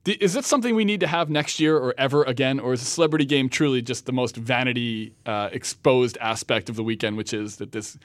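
A man's voice: mid-range voice, no echo. Dry-sounding host in his thirties. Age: 30s. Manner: rambling, laughs often, self-deprecating. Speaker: podcast host. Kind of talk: casual sports chat.

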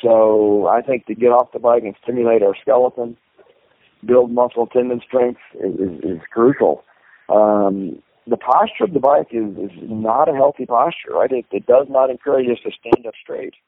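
A man's voice: medium pitch, normal speed, no echo. Man explaining over a tinny line. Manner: earnest, explains step by step. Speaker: guest expert. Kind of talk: explanatory interview. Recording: tinny dry phone line.

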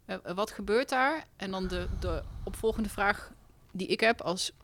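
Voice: medium pitch, measured pace, fairly bright tone, slight background noise. An interviewer in a casual talk, asking curious follow-up questions.

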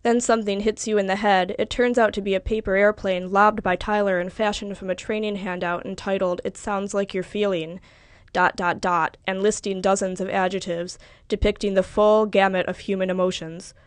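A woman reading literary fiction aloud in a measured, even narration. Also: medium pitch, clean tone, dry recording. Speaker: reader.

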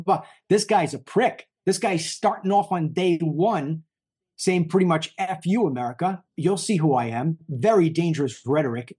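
Husky, heated man in his fifties. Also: fairly high pitch, a little mellow. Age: 50s. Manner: heated, emphatic, repeats himself. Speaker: news show host. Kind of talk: political commentary.

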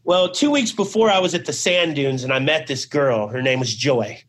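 A man's voice: medium pitch, animated, moderate pace, a bit bright. Middle-aged man rambling through his story. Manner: rambling, filled with "you know" and "man"; acts out remembered conversations. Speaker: interview guest, business founder. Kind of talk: casual storytelling in an interview.

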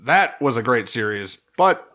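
A man's voice: medium pitch, big pitch swings, measured pace, bright, forceful tone. A man casually chatting on a podcast, rambling and swearing as he ranks movies. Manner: profane, rambling, enthusiastic. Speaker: podcast co-host. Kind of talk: casual chat.

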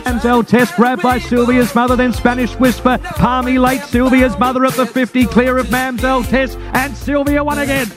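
Brief: female race caller, high voice, horse racing commentary with music underneath. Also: steady tone, moderate pace, few pauses. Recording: race call over loud music.

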